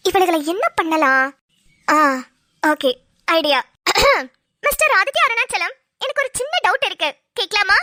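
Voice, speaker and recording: A woman's voice: extremely high pitch, lively intonation, measured pace, pushed and bright, full character voice. A woman voicing a mischievous, bossy young cartoon woman who teases and schemes. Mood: scheming. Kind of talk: cartoon voice acting.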